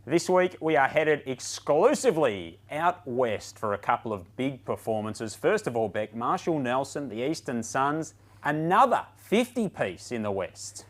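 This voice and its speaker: An Australian man presenting a studio sports show with upbeat enthusiasm. He sits at a middling pitch, middle-aged and lively in delivery. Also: unhurried, hardly any pauses.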